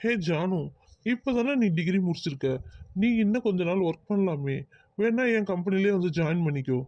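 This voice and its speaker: A man's voice: sits high, animated, moderate pace, a little mellow, no room sound, highs cut off. A man voicing an exasperated young man in a cartoon who dodges talk of marriage. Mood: explaining. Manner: exasperated, groaning asides. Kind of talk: cartoon voice acting.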